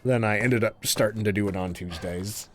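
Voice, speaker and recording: A man's voice: on the low side, normal speed, slight background noise. A man streaming a horror game, chatting casually with viewers and musing to himself as he plays.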